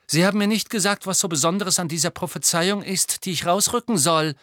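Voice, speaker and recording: A man's voice: high voice, a little fast, a bit bright, no room sound, clean studio sound, voice pushed up. A man reading a bold teenage boy wizard in a raised, defiant voice.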